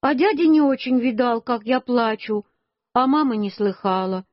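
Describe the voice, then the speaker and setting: A woman reading a children's story aloud, slow and expressive in a childlike storytelling manner. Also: a little high, dry recording. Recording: dull lo-fi dry recording.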